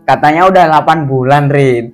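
A man in a village drama, calming and placating an angry elder. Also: fairly high pitch, a little fast, soft background music. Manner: soothing, placating, chatty. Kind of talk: amateur village drama acting.

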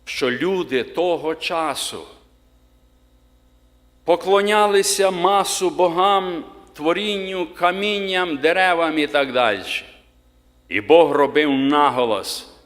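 A man preaching a sermon to his congregation, emphatic, slowing down to read scripture aloud. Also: a little high, fairly bright tone. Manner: emphatic, rising on key words, slows to read scripture. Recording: long reverb of a church hall.

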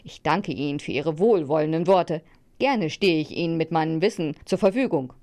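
A woman voicing an old house door in a storybook, with a rasping voice and a pompous, formal manner. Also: low voice, moderate pace, darkish tone, natural voice.

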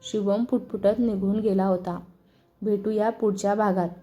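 A woman narrating a serialized family story in a steady, expressive reading. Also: mid-range voice, moderate pace, dull audio.

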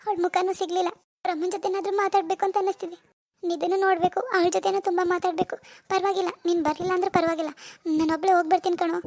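A tender-hearted young wife in an animated village drama, pleading tearfully, as a woman voices her. Her voice is very high, rapid and flat in tune, with a gravelly rasp running through it.

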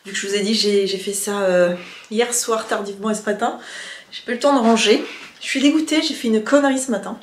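Holding the camera at arm's length, a vlogger in her forties chats away in a quick, medium-pitched voice, sounding somewhat exasperated and making fun of herself. She films indoors in her apartment and also outside on the street, with an echoey room and a little background noise.

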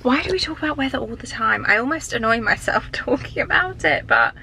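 A woman's voice: fairly high pitch, expressive, fairly quick, creaky, pushed and bright, slight background noise, rough recording. A woman, chatting casually to a handheld camera about her shopping haul. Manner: chatty, rambling, upbeat. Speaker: lifestyle vlogger. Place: parked car, then a bedroom at home. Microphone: camera held at arm's length.

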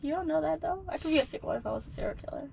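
A woman's voice: sits high, lively intonation, rapid-fire, creaky, darkish tone, slight background noise. Young woman from puerto rico, hesitant guarded answers, voice jumps around a lot. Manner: hesitant, guarded, filler-heavy replies. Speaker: prank target. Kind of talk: casual chat with a stranger. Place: outdoors on a street, then inside a parked car.

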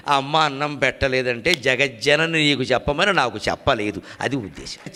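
A man giving a devotional discourse on a folk tale, with rhetorical repetitions and animated storytelling. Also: sits high. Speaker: spiritual speaker.

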